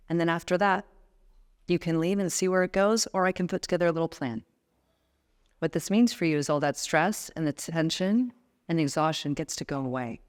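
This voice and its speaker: A woman in her thirties giving a motivational talk as a guest speaker, emphatic and building to passionate appeals. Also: low voice. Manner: emphatic, rising to passionate exhortation. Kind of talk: motivational talk to a live audience.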